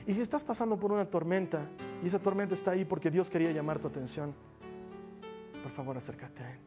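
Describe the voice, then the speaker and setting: A man preaching a sermon as pastor, earnest, rising to loud urging and dropping to near whispers. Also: a little high. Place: church meeting hall, also streamed online.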